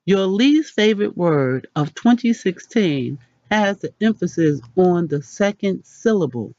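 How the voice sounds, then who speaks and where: A woman hosting a casual pronunciation lesson, chatty and self-deprecating, repeating words slowly. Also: fairly low pitch, animated, mellow, no echo, lo-fi sound. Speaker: channel host.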